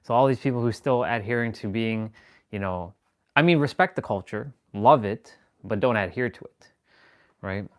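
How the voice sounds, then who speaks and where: A man's voice: on the low side, normal speed. A man hosting a live stream, talking in a rambling, self-assured spiritual monologue and restarting sentences as he goes.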